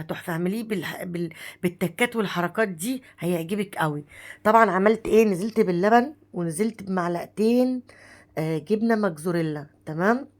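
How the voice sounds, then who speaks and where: A woman in her thirties with an Egyptian Arabic accent, hoarse from a cold, chatting warmly to viewers as she walks through a home recipe. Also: mid-range voice. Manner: chatty, affectionate, addresses viewers as sister. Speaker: home cooking vlogger. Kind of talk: casual cooking narration.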